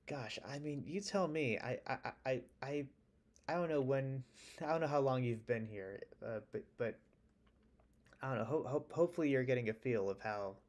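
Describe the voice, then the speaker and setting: A man streaming live as a music producer, chatting in a relaxed, rambling way with stammered restarts, still in his morning voice. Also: medium pitch, normal speed. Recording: music playing faintly behind.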